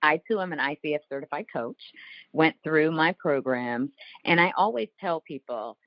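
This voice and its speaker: A woman with a low-pitched voice and a Southern Ohio Appalachian accent hosts a podcast. She speaks in a candid, conversational way. The recording is close and dry. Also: expressive, moderate pace, no echo, highs cut off. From Southern Ohio Appalachia, United States. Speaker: podcast host and coach. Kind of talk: conversational podcast introduction and chat.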